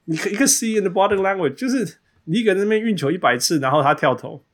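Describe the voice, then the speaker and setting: A man's voice: high voice, lively intonation, quick pace. A man with a Taiwanese accent chatting casually about sports as a host, switching between Mandarin and English mid-sentence and repeating phrases for emphasis. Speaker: podcast host.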